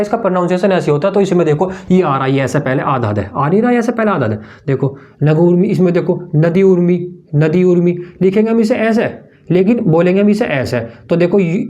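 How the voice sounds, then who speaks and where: A man's voice: fairly high pitch, darkish tone. A male teacher explaining Hindi grammar for an exam-prep class, repeating each point and calling the students "brother". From India.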